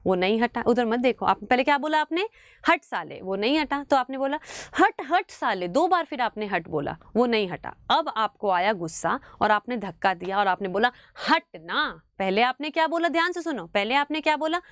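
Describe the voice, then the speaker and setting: A woman teaching biology in an online exam-prep lecture, mixing English terms into her talk, calling students "beta" and drilling key words slowly. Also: on the high side, dry recording, clean studio sound. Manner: animated, mixes English into Hindi, calls students "beta".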